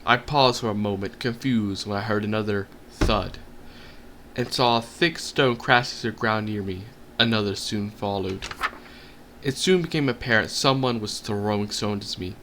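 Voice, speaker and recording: A man's voice: lowish voice, normal speed, noisy background. A man streaming a text game, reading its story aloud in a storybook cadence. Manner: narrates in a storybook cadence, puts on voices for quotes. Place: home streaming setup.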